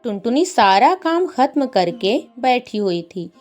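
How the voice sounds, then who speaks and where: Woman narrator for a kids' cartoon story, unhurried, soft music beneath. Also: a little high. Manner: slow, even storytelling.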